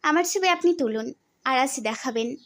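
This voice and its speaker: A man doing a high, insistent young wife. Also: lively intonation, normal speed, fairly bright tone, full character voice. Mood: plain. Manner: questioning, insistent. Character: young wife, pressing and suspicious.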